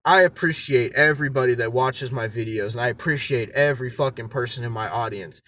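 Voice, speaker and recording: A man's voice: medium pitch, fairly quick, a bit bright. A man, giving a blunt, exasperated, swearing rant to camera from inside a car. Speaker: YouTuber addressing his audience.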